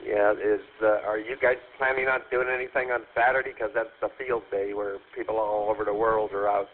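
A man's voice: lowish voice, level tone, fairly quick. Matter-of-fact man on two-way CB-style radio, thin and lightly staticky. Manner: brief, matter-of-fact questions. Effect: two-way CB-style radio transmission. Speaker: amateur radio operator. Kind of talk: casual radio chat. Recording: tinny radio line with faint static.

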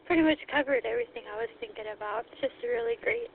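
A woman's voice: on the high side, lively intonation, rapid-fire, creaky. A woman checking in to a radio net over a two-way walkie-talkie, talking in a friendly, polite and slightly hesitant way. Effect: heard over a two-way walkie-talkie radio. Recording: tinny narrow radio channel with faint hiss.

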